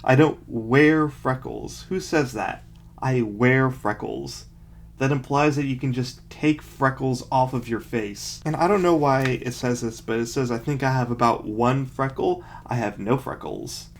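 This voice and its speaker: A man's voice: medium pitch, normal speed, few pauses. A young adult man casually reading aloud and commenting in a mocking, self-deprecating way, with dry, sarcastic asides. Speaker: vlogger.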